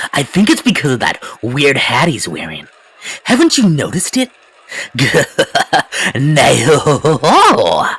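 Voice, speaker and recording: A man's voice: mid-range voice, wildly swooping pitch, slow, pauses often, fairly bright tone, husky, full character voice. A man voicing a cocky, irritable racer in an anime fan dub, with a dismissive, grumbling delivery. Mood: mocking.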